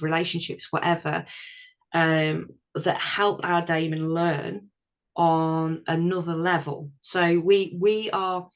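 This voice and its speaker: Woman from england, low voice, thoughtful, earnest, restarts sentences, muffled lo-fi recording. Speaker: guest. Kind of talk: casual chat. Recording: dull lo-fi sound.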